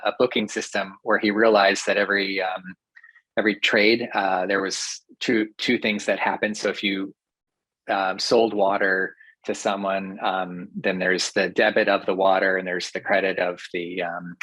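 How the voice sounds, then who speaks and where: A man, a professor, explaining ideas to a podcast host in a thoughtful, measured way with occasional fillers. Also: deep voice, bright, forceful tone, no echo, rough recording. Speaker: professor guest. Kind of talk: explanatory interview talk.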